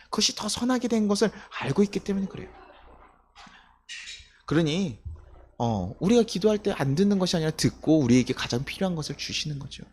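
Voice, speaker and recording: Lively Korean pastor telling a story. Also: male voice, sits high, fairly quick, slightly rough. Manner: storytelling, asks the congregation questions, acts out quoted voices. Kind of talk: sermon.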